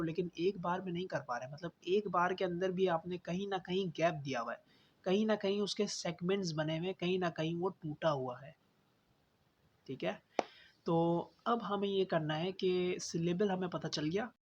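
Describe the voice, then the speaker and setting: A man's voice: sits high, moderate pace, breathy edge. A man teaching pronunciation in an online lesson. He asks his own questions, answers them, and repeats key words for emphasis. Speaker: English teacher. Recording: slightly dull, faint background hiss.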